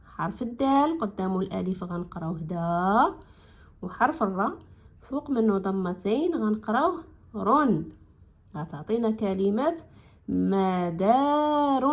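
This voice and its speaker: A woman with a Moroccan Arabic accent teaches young children to read, sounding out each syllable in a slow, drawn-out way. She drops into quicker, plain explanations between the words. Her voice sits at a middle pitch, and the recording is a little dull and lo-fi. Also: expressive. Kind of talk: reading lesson for children.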